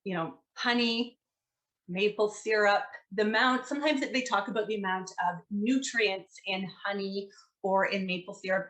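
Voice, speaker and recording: A woman dietitian giving a relaxed online presentation to teachers, conversational with lots of fillers and a dry sarcastic streak. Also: mid-range voice, poor audio.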